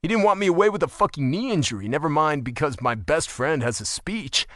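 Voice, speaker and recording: A man's voice: on the high side, animated, brisk, a bit bright, no echo, studio quality. A man voicing a male pro athlete, a teasing but earnest husband, in an audiobook.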